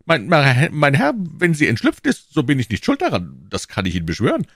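A man's voice: huge pitch swings, fairly quick, dry recording, clean studio sound, heavily acted. A man reading an audiobook, voicing a timid, frightened shopkeeper who pleads with his interrogator in a trembling voice. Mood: anxious, pleading. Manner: trembling, pleading, high-pitched. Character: timid frightened middle-aged male shopkeeper under interrogation.

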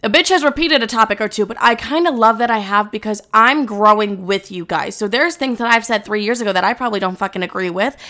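A woman's voice: mid-range voice, fast talker, few pauses, sharp tone. A young adult woman hosting her own podcast, talking candidly and bluntly to listeners with frequent swearing. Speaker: podcast host. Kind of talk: casual chat to listeners.

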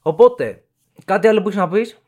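A man's voice: sits high, a little mellow. A man co-hosting a casual podcast, making dry joking asides. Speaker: podcast co-host. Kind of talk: casual chat.

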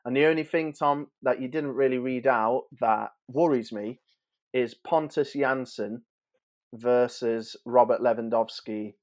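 Speaking a little slowly in a medium pitch, this man in his thirties hosts a podcast with a casual football preview. His delivery is informal and somewhat hesitant.

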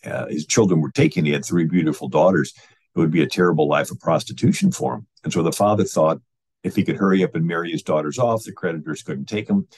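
A man's voice: low voice, lively intonation, fast, vocal fry, a little mellow, husky. A man explaining church history in an informal storytelling manner, with frequent fillers and restarts. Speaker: history lecturer.

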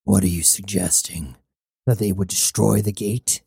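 A man voicing a hulking male cyborg captain, a menacing former mercenary with a gravelly, growling voice. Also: deep voice, fairly even intonation, warm tone, no room sound, clean studio sound, exaggerated voice. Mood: guarded. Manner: slow, grim and threatening. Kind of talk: audiobook character voice.

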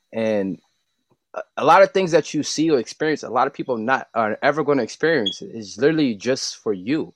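A man's voice: fairly low pitch, no room sound. A man speaking as a podcast guest, earnest and casual, sharing entrepreneur advice with some slang. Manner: earnest, laughs often, slangy. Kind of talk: casual motivational chat.

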